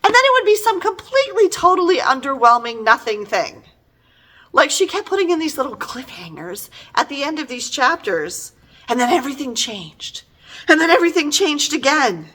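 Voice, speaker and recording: Speaking at a normal pace in a voice that sits high, a middle-aged woman gives a chatty book review. She sounds animated and exasperated, pressing her points emphatically.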